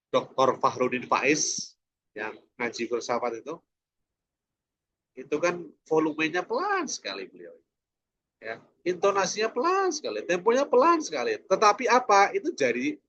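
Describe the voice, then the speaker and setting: A man's voice: mid-range voice, fairly bright tone, highs cut off. A man teaching a preacher training class online, asking rhetorical questions and tagging his sentences with "ya". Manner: rhetorical questions, frequent "ya" tags.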